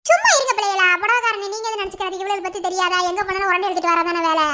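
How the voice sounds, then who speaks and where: A woman's voice: very high-pitched, very fast, very noisy. A woman voicing a motherly middle-aged aunt with a Madurai Tamil accent, lecturing a bride-to-be in a cartoon. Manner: long preachy advice, coaxing questions. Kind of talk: cartoon voice acting.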